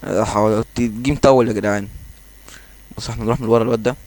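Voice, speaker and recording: A man with an Egyptian Arabic accent giving casual, excitable commentary over his own gameplay, joking and exclaiming as he plays. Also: on the low side, racing. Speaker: gaming channel host.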